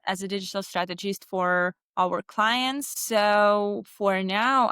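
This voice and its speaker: Ukrainian-accented woman, smooth dry voice. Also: mid-range voice, a bit bright, no echo. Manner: non-native phrasing with frequent restarts. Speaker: guest, agency founder. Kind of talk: casual interview answers.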